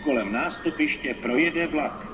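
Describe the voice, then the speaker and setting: A man reading formal railway station announcements in measured, segmented scripted phrases. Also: fairly high pitch. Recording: noisy, distant station public-address recording. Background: station ambience noise.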